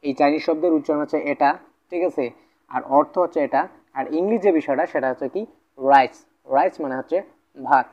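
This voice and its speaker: A man's voice: fairly high pitch, normal speed, darkish tone, muffled recording. A man teaching a vocabulary lesson in a casual, repetitive way, often checking in with the viewer. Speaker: language tutor.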